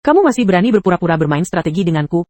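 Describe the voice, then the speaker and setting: Synthetic female voice, text-to-speech, anime recap narration, rapid, bouncy pitch. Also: sing-song, a little mellow, dry recording. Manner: reads every character's lines in the same voice.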